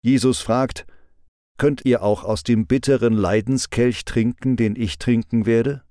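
A man giving a calm devotional sermon with a measured, instructive delivery. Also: medium pitch, dry recording, studio quality. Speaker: preacher.

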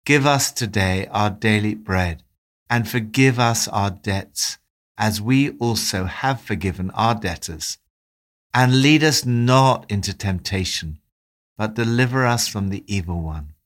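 A man giving a devotional talk, reading Bible passages and reflecting on them in a calm, measured way. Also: lowish voice. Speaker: devotional presenter.

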